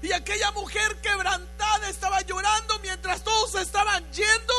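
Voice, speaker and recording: Fervent high-voiced woman preacher. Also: level tone, moderate pace, soft background music. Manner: fervent, swells to shouting. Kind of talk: sermon.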